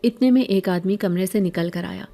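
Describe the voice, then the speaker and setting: A woman telling a scripted horror story in steady, even narration. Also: mid-range voice.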